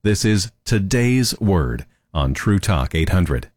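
Deep dense radio announcer man. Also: sing-song, slow, music in the background.

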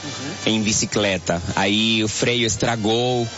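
A man's voice: fairly low pitch, steady tone. Earnest man giving testimony. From Venezuela. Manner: measured, earnest, deliberate. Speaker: church member giving testimony. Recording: dull radio broadcast with faint music.

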